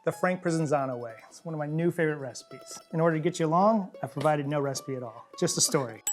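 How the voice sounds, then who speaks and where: Woman, low voice, fast talker, casual cooking demo, chatty, test kitchen, faint music. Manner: chatty, laughs easily, explains technique. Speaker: cooking show co-host.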